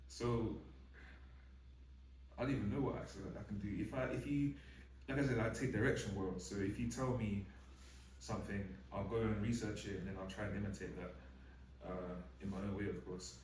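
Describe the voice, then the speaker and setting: A man's voice: on the low side, steady tone, normal speed, pauses often, darkish tone, a little hiss or hum. Laid-back young man in an echoey room. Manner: laid-back, hesitant, many "um"s. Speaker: guest actor. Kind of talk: casual podcast chat. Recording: roomy sound from a distant mic.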